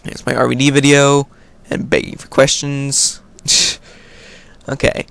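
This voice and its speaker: A man's voice: mid-range voice, little pitch movement, a little slow, creaky, a bit bright, dry recording. An American man hosting a casual question-and-answer video, reading viewer questions aloud and then answering in an offhand way. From United States. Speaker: video host. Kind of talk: casual Q&A vlog.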